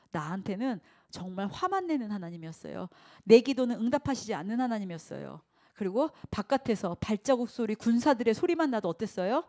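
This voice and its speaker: A woman pastor preaching a Sunday sermon, putting rhetorical questions to the congregation and acting out quoted speech. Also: medium pitch. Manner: acts out quoted speech in lively voices.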